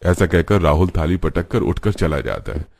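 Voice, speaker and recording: Low-voiced man narrating a cartoon story. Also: moderate pace, vocal fry, no echo. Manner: steady, plain storytelling.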